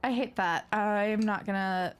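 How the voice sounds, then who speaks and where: A woman's voice: medium pitch, a little slow, clear, resonant tone. A young woman hosting a live gaming stream, chatting casually, laughing often and reacting dramatically. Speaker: streamer host.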